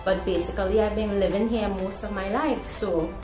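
Recorded in a room at home with a noticeable echo and background music, a young vlogger speaks informally to camera. Born in Guyana and based in Trinidad, she has a Trinidadian accent, a medium pitch, fairly even intonation, and a moderate pace.

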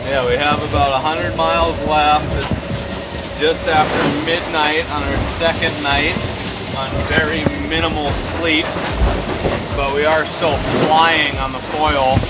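Relaxed man narrating aboard a racing boat. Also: fairly high pitch. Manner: relaxed, talks over boat noise. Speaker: vlogger on a racing sailboat. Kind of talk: casual on-board narration. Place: cabin of a fast foiling racing sailboat at sea.

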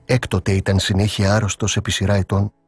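A man narrates a devotional story in a slow, measured way. His voice sits very low and carries a husky grain. Soft music plays faintly behind him. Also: completely flat delivery, no echo. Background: faint background music.

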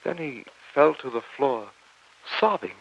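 Professor Arnaud, grave muffled narrator. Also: male voice, mid-range voice, big pitch swings, unhurried, creaky, heavy background noise. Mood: grave, horrified. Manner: formal, dramatic, descriptive. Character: grave, observant male professor narrating his ordeal. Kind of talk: old-time radio drama narration. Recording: muffled old radio recording.

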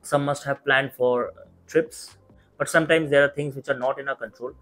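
A young adult man with an Indian accent giving earnest, measured and reassuring advice straight to camera. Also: medium pitch, fairly even intonation, fairly bright tone, faint music behind. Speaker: YouTube mentor for medical exam students. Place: small indoor study room. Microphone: clip-on lapel mic.

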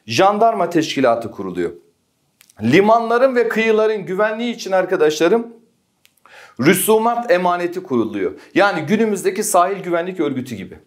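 Lively male history teacher. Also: high voice, brisk. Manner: lively, asks the class questions and answers them himself. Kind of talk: exam prep lecture.

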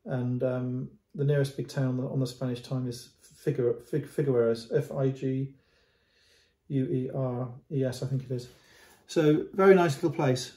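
A man's voice: mid-range voice, fairly even intonation, a little slow, dark tone. A middle-aged man presenting a painting to camera in casual, unscripted commentary, often repeating words and restarting as he gestures at the canvas. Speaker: antiques dealer. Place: indoor room at home. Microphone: camera at close range. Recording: roomy echo.

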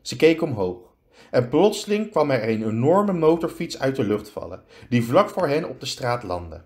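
A man, a teacher, reading a children's story aloud, slowing down for effect. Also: medium pitch, big pitch swings.

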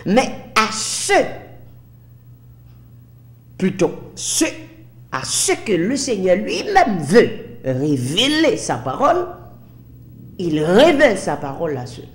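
A woman's voice: medium pitch, wildly swooping pitch, takes it slowly, long pauses. A woman giving a Bible teaching sermon, guiding the congregation through verses and asking them many rhetorical questions. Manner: guides listeners through verses to underline.

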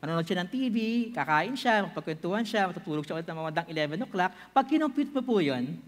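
A man's voice: high-pitched, racing. A middle-aged man with a Filipino accent giving a church talk from a large stage, gesturing and putting questions to the audience. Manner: animated, gesturing, teacherly questions. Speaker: preacher. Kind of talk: church talk, mixing English and Tagalog. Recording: long reverb of a large hall.

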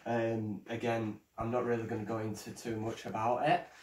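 A man's voice: mid-range voice, completely flat delivery, normal speed, reverberant, far from the mic, heavy background noise. A man presenting his own vlog in a casual show-and-tell way, hesitant and stumbling like a first-timer. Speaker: fireworks vlogger.

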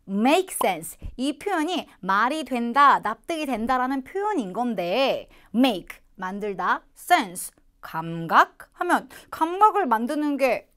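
A Korean woman teaching English phrases to learners, explaining patiently and modeling English phrases slowly. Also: fairly high pitch, fairly bright tone.

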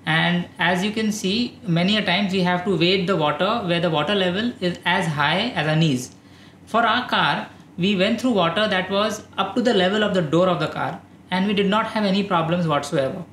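Indian English male host, 30s, steady informative read, roomy room, slight hiss. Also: sits high, moderate pace. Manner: calm, informative, steady delivery. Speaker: EV channel host. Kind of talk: explainer talking to camera. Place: dark studio, indoors.

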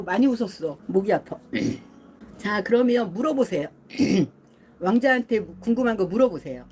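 A middle-aged woman hosting a live stream, chatting casually with viewers, laughing often and clearing her throat a lot. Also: mid-range voice, mellow, slight background noise. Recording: music playing behind.

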